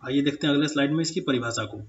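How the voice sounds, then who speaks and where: A male teacher giving a slide-based grammar lesson to children, speaking slowly and deliberately and drawing out each example word. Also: fairly high pitch, muffled recording. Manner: slow, deliberate, draws out example words.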